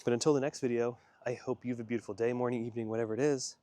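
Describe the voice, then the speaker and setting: A man's voice: medium pitch, fairly even intonation, very fast, dark tone, no echo. A man hosting a casual theme park vlog outdoors at night, goofy and rambling. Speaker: vlog host.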